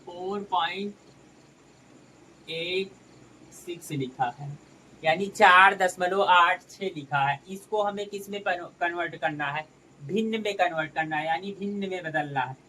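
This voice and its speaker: A man's voice: sits high, measured pace, sharp tone, far from the mic, a little hiss or hum, low-quality recording. A man teaching a maths lesson step by step, calling his viewers friends as he works through each sum.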